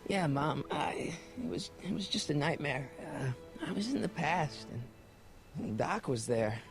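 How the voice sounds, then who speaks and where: Earnest American teen boy, high and very animated, anxious game hero over loud music. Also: unhurried, gravelly. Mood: flustered. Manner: expressive, anxious, boyish. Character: earnest, anxious teenage boy, scientist's loyal friend. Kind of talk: video game voice acting.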